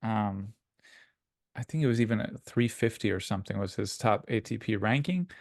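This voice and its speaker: A man's voice: fairly low pitch, moderate pace, gravelly, no echo, studio quality. Rambling man in casual podcast chat. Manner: rambling, many restarts and likes. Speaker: podcast co-host.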